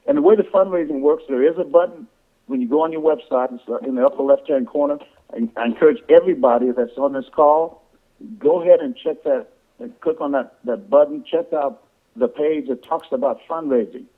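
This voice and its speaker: Man pitching over a tinny phone line. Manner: repetitive, halting explanation with false starts. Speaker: presenter on an affiliate sales call. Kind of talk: informal sales pitch to affiliates. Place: conference call over the phone. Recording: tinny, band-limited phone conference line.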